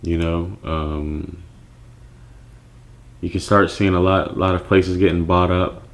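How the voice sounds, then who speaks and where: Slow and gravelly with a low-sitting voice, a Nigerian man raised in the US tells the story of founding his clothing brand. He's relaxed and reflective, often using fillers and restarting phrases.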